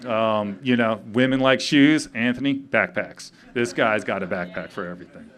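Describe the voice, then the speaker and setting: A man in his fifties, grieving, giving a halting memorial speech full of pauses and fillers at a tavern gathering. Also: fairly low pitch, a bit bright. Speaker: eulogy speaker. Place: tavern event.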